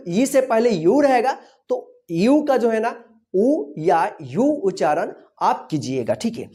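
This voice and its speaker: A woman with a fairly high but mellow voice teaches pronunciation in a classroom manner. She spells each word slowly, letter by letter, then says it again and again, asking what it should be read as. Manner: patient, repeats each word and asks "what will we read?". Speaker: English teacher. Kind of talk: classroom-style phonics lesson.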